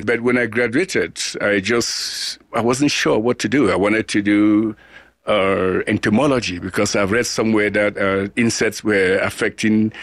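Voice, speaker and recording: A middle-aged man from Cameroon, a global health scientist answering interview questions in an earnest, deliberate way with frequent restarts. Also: fairly low pitch, no room sound, studio quality.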